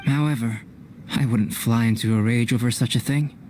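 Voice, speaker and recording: A man voicing a calm, scholarly, slightly aloof young alchemist in an anime fantasy game, with formal, deliberate phrasing. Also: mid-range voice, slight background noise, natural voice. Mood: calm, analytical. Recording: game audio with clear background ambience.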